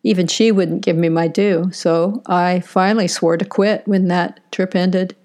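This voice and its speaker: A woman's voice: fairly low pitch, fairly even intonation, a little slow, darkish tone. A woman telling a first-person story in a wry, reflective spoken-word style.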